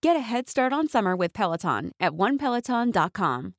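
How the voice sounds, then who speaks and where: A woman's voice: medium pitch, very animated, normal speed, dry recording, studio quality. A woman reading a commercial in an upbeat, polished voice-over. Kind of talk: read commercial.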